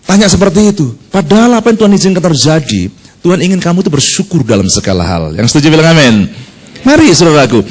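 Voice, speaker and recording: A man preaching a sermon to his congregation, telling stories with acted-out voices and sound effects and humorous asides to the listeners. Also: a little high. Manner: animated storytelling, often addresses listeners as "saudara". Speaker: pastor. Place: church service.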